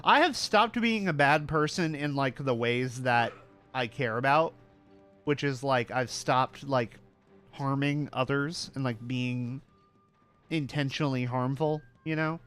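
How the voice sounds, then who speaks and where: A man's voice: medium pitch, unhurried, fairly bright tone, clean tone, faint music behind. A male streamer chatting casually while playing, ranting with swearing and self-mocking jokes. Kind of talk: casual gaming stream chat.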